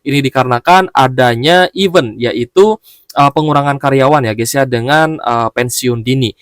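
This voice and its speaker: A man giving stock market analysis in a steady explanatory way, often stopping on fillers and short pauses. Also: medium pitch, clean tone, dry recording, studio quality.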